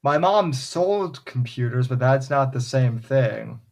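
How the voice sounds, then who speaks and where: A man co-hosting a casual podcast chat, halting and repeating words as he gets his sentences started. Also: mid-range voice, animated, gravelly.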